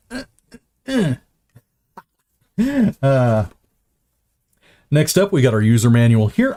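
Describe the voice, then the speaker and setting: Chatty man unboxing gear, mellow tone. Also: mid-range voice. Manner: chatty and self-mocking, fumbles and restarts. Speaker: host unboxing gear on a live stream. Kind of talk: casual live-stream unboxing chat.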